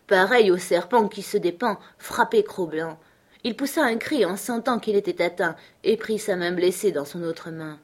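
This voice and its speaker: Audiobook: woman narrator, measured and steady, fairly low voice. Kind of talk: literary narration.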